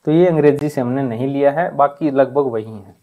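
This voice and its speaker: A man's voice: medium pitch, fairly quick, phone-quality sound. A man giving an exam-prep grammar lesson. He drills correct and incorrect forms and checks in with "ठीक है" after nearly every point. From Rajasthan. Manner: repeats points with frequent "ठीक है" check-ins; drills correct pronunciations, contrasting right and wrong forms. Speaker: teacher.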